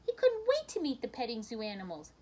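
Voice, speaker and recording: Reading briskly in a voice on the high side, a woman performs a children's picture book with expressive storytelling flair. Now and then she turns to her listeners with a quick aside.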